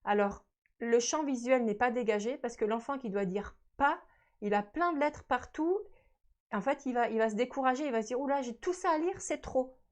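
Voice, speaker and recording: A woman's voice: fairly high pitch, moderate pace, darkish tone. A woman presenting an instructional webinar, patiently explaining and repeating her key points to parents. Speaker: webinar presenter on early reading.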